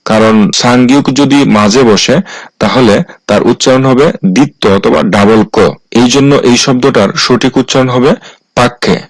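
A man teaches a language lesson at a mid pitch, going through each rule slowly and saying it again in new words. His voice is close and dry, with no room sound around it. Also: no echo, poor audio. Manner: slow and repetitive, restating each rule. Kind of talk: explaining rules in a lesson.

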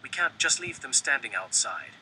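A man's voice: medium pitch, normal speed, slight background noise, poor audio. Worried innkeeper, read by a synthetic male voice. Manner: flat synthetic delivery.

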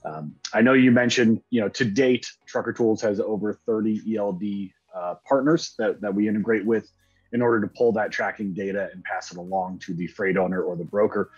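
Man in his thirties, interview host, upbeat, husky tone, dull lo-fi webcam sound. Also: lowish voice, steady tone, fairly quick, soft background music. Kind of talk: scripted company video interview.

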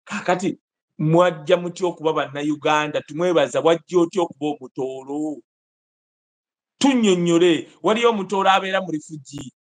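A Ugandan man in his forties giving emphatic, animated political commentary over a video call from an indoor room. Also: a little high, brisk. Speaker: host. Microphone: video call webcam.

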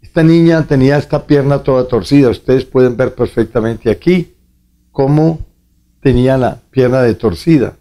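A man, a priest, preaching and telling a testimony slowly and earnestly to the viewer. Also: medium pitch, mellow. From Colombia. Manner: slow, earnest storytelling, addressing the viewer directly.

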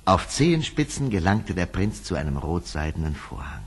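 Reading a scripted fairy tale aloud, this male storyteller has a deep, husky voice. His delivery is measured and expressive, occasionally going hushed.

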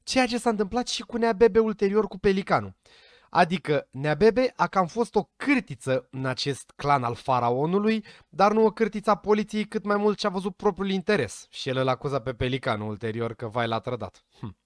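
A man's voice: sits high, dry recording, studio quality. A man giving casual commentary to his viewers, chatty and speculative, sometimes tripping over names. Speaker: vlogger reacting to a series trailer.

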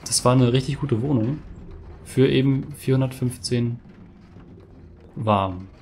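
Here the voice is mid-range and a little mellow, moving at a measured pace, with a bit of hiss or hum in the audio. The speaker, a twenty-something man from Mecklenburg-Vorpommern in northeastern Germany, streams games from a home room with a webcam and headset, casually commenting, ranting and swearing freely as he plays.

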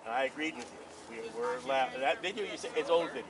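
Outdoors at a market, a street preacher talks with police officers in a casual conversation, earnest and insistent, often talking over them. His medium-pitched voice is expressive and quick. He sounds distant against a busy street crowd.

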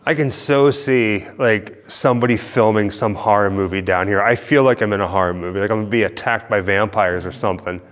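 A man's voice: fairly low pitch, brisk, hardly any pauses. A man hosting an exploring vlog, chatting and asking questions in a casual, curious way. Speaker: vlog host. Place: large underground cave.

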